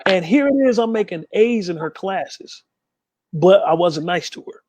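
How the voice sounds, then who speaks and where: A man, a gospel artist, telling an interviewer about his past in a quick, emphatic way and acting out the voices of people he quotes. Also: sits high, darkish tone, no room sound. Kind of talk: candid storytelling.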